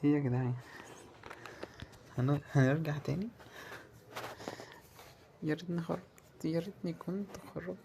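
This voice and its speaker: Egyptian man, gravelly voice, muttered slot-game commentary, loud cheers, faint room hum behind. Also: on the high side, moderate pace, long pauses. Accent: Egyptian Arabic. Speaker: gamer playing a slot game. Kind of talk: live gameplay commentary.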